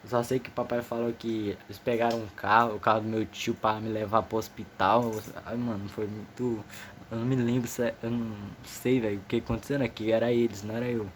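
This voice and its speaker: A man's voice: on the low side, little pitch movement, brisk, slight background noise. Nervous teen boy. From Amazonas, northern Brazil. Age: teenager, 15. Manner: slangy, rambling, many restarts. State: a bit nervous. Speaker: vlogger. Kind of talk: casual personal storytelling.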